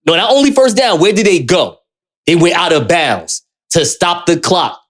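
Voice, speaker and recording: A man's voice: high-pitched, animated, moderate pace. Heated man arguing casually. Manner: heated, insistent. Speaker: podcast co-host. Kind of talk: casual chat about football.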